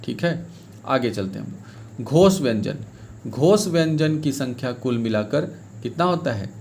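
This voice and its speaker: A man's voice: mid-range voice, lively intonation, a little slow, vocal fry, darkish tone, a little hiss or hum. A man teaching an exam-prep grammar lesson, explaining step by step and repeating key points, now and then saying sample phrases in a local dialect.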